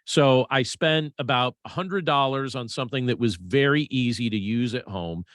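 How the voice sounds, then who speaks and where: A man's voice: mid-range voice, fairly bright tone, no room sound, clean studio sound. Man giving casual voiceover tips. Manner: conversational, measured, with fillers and restarts. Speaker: voiceover instructor. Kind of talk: casual instructional talk.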